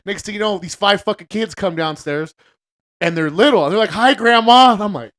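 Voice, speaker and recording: A man co-hosting a podcast, telling stories in a casual, profane, animated way, laughing often and acting out voices. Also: sits high, fairly quick. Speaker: podcast co-host. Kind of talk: casual chat, storytelling.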